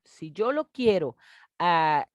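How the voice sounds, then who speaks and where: A patient woman teacher walks young pupils through a grammar rule, drawing out each example word. Her voice sits on the low side for a woman. The recording is dry and close, with little room sound. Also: very animated, no room sound, highs cut off. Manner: patient, explanatory, addresses children warmly as "mis niños"; stretches out example words slowly. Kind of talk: grade-school grammar lesson.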